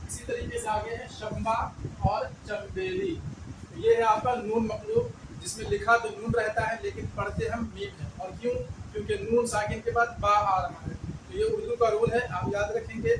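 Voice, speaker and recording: A man with a high voice gives a patient beginner language lesson, asking questions and answering them himself. He sounds set back from the mic in an echoey room. Clear traffic noise runs behind him. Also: sing-song, normal speed, recorded from a distance. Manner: patient, asks and answers his own questions, repeats key words. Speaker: Urdu teacher.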